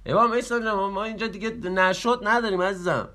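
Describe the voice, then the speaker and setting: A man performs a comedy skit with a high, bright voice. He talks loudly and with animation. He chants counts as he exercises. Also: fairly even intonation. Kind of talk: comic skit dialogue.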